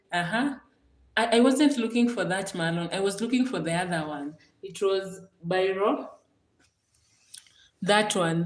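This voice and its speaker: Thanking her viewers again and again, a livestream host from Kenya chats casually with warmth and graciousness in her Kenyan accent. The recording is reverberant, and her voice is on the low side.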